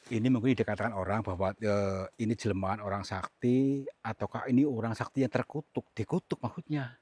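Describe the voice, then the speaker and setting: A man from Central Java presents a staged ghost-hunting vlog outdoors. He talks in a hushed, coaxing way and often drops to a whisper. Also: on the low side, brisk. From Cilacap, Central Java. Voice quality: very husky. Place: outdoors on an overgrown hillside.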